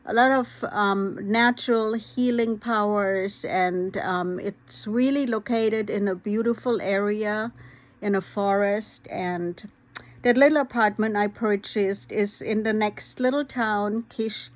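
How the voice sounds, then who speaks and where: A woman in her 50s, originally from Vojvodina in former Yugoslavia and raised in Germany, speaks in a steady, mid-pitched voice in a personal vlog. Her first language is Hungarian, and she comes across as earnest and candid, pausing frequently with "um."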